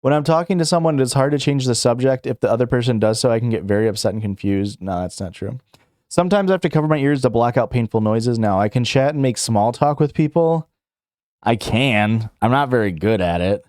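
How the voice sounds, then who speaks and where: Reading questions aloud while streaming live, a young adult man answers in a casual, rambling way marked by fillers, restarts, self-corrections and chuckles. He has a medium-pitched, darkish voice, recorded at studio quality with no room sound.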